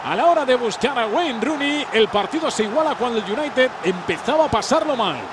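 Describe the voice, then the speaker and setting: A man commentates on a football match in a high voice with very lively intonation. A stadium crowd is clearly audible behind him. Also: fairly quick, background noise.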